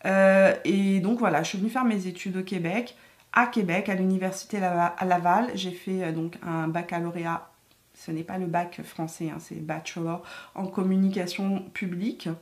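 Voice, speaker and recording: A woman from France chatting in a get-ready-with-me video, lively and talkative with frequent fillers. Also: fairly low pitch, moderate pace. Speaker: beauty YouTuber. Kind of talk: get-ready-with-me chit-chat.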